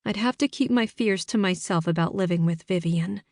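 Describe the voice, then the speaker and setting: A woman reading first-person scripted narration for an audiobook in a measured storytelling manner, in a studio. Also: fairly low pitch, a little mellow, dry recording.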